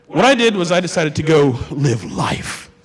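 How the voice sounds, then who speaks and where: A young male student from Hawaii entertains an audience with a humorous personal tale, chatting, joking, and throwing questions at them. He speaks at a normal pace in a sing-song voice on the high side, with long reverb from the hall.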